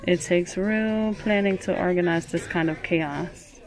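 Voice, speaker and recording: Holding her phone inside a large home goods store, a woman vlogger narrates a casual shopping video, chatting about items and reading prices aloud while music plays behind her. Her lowish voice is unhurried, and the recording quality is poor. She's chatty and keeps calling things cute.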